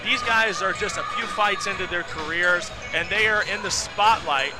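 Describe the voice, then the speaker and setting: High-voiced American male fight commentator. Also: moderate pace, loud music behind the voice, poor audio. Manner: enthusiastic, emphatic, keeps handing over to co-commentators. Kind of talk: live sports broadcast commentary.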